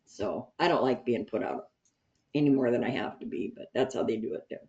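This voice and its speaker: A woman telling a lively story in a support group over a video call, acting out what people said. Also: rumbling low, a little fast, creaky. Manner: animated, acts out quotes. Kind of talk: casual storytelling. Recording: dull video call audio.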